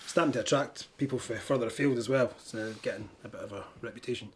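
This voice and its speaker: A man with a Scottish accent speaks in a casual, conversational style. He sounds like a band member being interviewed, and his voice sits at an average pitch for a man. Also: fast, a little hiss or hum. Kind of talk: casual chat.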